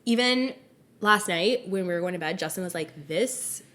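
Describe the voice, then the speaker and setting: A woman's voice: fairly low pitch, moderate pace, fairly bright tone. A woman co-hosting a casual book podcast, talking with a slightly nasal voice from a cold and laughing often. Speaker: podcast co-host. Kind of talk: casual chat.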